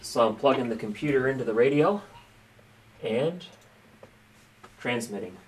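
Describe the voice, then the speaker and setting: A man's voice: medium pitch, lively intonation, unhurried, rough recording. A man presenting a casual hands-on demonstration, explaining each step as he goes. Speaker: exercise participant and presenter. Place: small indoor radio desk. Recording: faint room noise.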